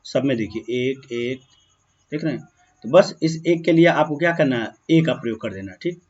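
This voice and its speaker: A man teaching a grammar lesson, slowing down as he writes words out and often checking that students follow. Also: mid-range voice, lively intonation, a little mellow. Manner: keeps checking in with "ठीक है ना" and "clear है"; slow, drawn-out when writing words. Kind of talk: grammar lesson explaining on a board. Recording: dull, muffled lo-fi sound.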